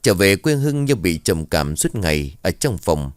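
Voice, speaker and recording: Deep-voiced man telling a somber story. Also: big pitch swings, unhurried, no echo, studio quality. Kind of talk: scripted story narration.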